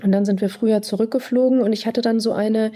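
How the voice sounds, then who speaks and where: A woman psychotherapist, born in Iran, answering interview questions in a thoughtful, deliberate way, pausing to search for words. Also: on the high side, fairly even intonation, mellow. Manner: thoughtful, deliberate, with pauses and fillers.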